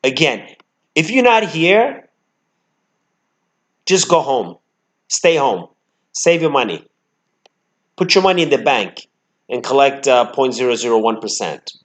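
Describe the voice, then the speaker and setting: A man's voice: medium pitch, expressive, moderate pace, pauses often. Brash man narrating his stock trades. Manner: brash, emphatic, swings between loud and muttered asides. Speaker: stock trading channel host. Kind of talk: live trading commentary.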